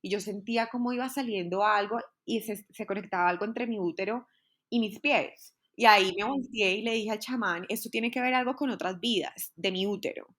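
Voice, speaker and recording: A woman recounts a personal journey as a podcast guest. Her voice sits at an ordinary middle pitch, and her telling is earnest and heartfelt, circling back over words as she goes. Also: fairly quick, fairly bright tone. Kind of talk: personal storytelling in a podcast interview.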